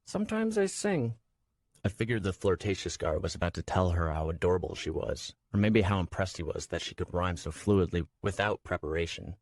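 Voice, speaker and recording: A man reading a fantasy audiobook in first person, with measured, even storytelling. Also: low-pitched, no echo, studio quality. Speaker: audiobook narrator. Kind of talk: scripted first-person narration.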